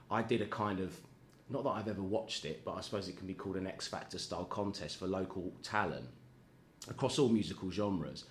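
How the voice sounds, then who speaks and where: A man with a fairly low voice tells stories in a loose, rambling way. He laughs at himself often and keeps the tone self-deprecating. The room is echoey, with faint ambience behind him. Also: slight background noise. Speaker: guest. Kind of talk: casual chat.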